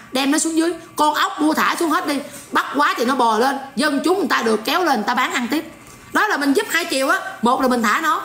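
A high, bright-voiced woman in her forties with a Southern Vietnamese accent rants in mocking, scolding commentary. Her sharp tone bounces around an echoey room. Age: 40s. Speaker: online commentator. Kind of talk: ranting livestream commentary.

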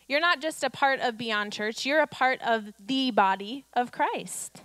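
A woman in her thirties preaches from a church stage with a high, bright voice. She drives her points home with rhetorical questions and acts out quotes. The sound through her handheld mic is close and dry. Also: unhurried, dry recording. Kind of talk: sermon.

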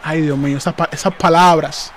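A man hosting a live reaction stream, excitable and hyped, repeating phrases and calling out to his viewers. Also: on the high side, brisk, slight background noise.

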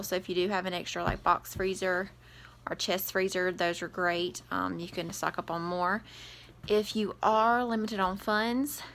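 A young woman talking through her pantry in a casual home vlog. She sounds chatty and practical, trailing her advice with ums. Steady background noise sits under her voice. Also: medium pitch. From American South. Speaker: vlogger. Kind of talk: casual grocery haul vlog. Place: home kitchen, indoors.

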